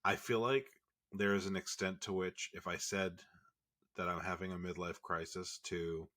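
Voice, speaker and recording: A man's voice: low-pitched, level tone, normal speed, pushed and bright. A man in his late thirties co-hosting a podcast, telling rambling stories in casual chat. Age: 30s. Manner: rambling, self-interrupting. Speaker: podcast co-host.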